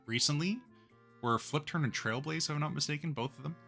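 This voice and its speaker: A man's voice: on the high side, brisk, creaky, pushed and bright, soft background music. A young man hosting and coaching on a casual stream, upbeat and analytical with lots of fillers. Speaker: league coach and draft host.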